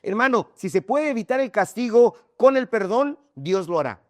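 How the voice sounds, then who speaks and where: A man's voice: high voice, big pitch swings, normal speed, no echo, studio quality. A male pastor preaching an emphatic sermon, speaking straight to his congregation and often addressing them as brother. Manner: emphatic preaching, often calls listeners "hermano".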